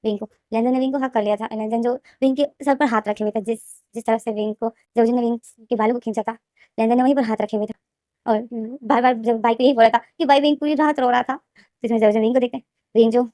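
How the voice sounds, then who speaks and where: Fast-talking woman retelling a story. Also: a little high, fairly even intonation, dark tone, no room sound, clean studio sound. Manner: rapid, repetitive storytelling. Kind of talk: casual fan-fiction retelling.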